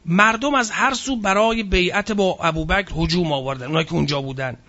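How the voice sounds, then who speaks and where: Reading from a book during a lecture on religious history, a man breaks off to comment in casual speech. His voice sits high and comes across pushed and bright, though the recording's highs are cut off.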